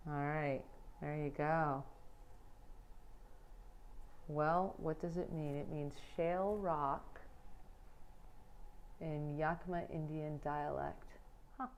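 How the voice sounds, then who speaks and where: A woman's voice: low-pitched, fairly even intonation, slow, pauses often, slight background noise, rough recording. A middle-aged American woman vlogging a road trip, chatty and upbeat, laughing often. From United States. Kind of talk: casual travel vlog. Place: indoors in a small museum, talking quietly.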